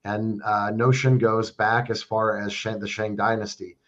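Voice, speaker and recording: A man on a discussion panel, reading his notes in a steady, unhurried way. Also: fairly low pitch, muffled recording. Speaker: panel guest.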